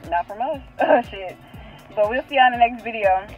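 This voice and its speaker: A woman with a fairly high voice chats through a casual shopping vlog, teasing and speaking directly to her viewers. Clear background music plays under her talk. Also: a little fast, poor audio. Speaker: vlog host, mother.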